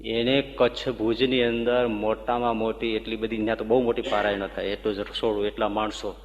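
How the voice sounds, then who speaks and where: A man giving a devotional sermon as a swami, telling stories with animated emphasis. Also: fairly low pitch, a little fast. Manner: animated storytelling, rising with emphasis. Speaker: swami preacher. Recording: echoey hall, dull lo-fi sound.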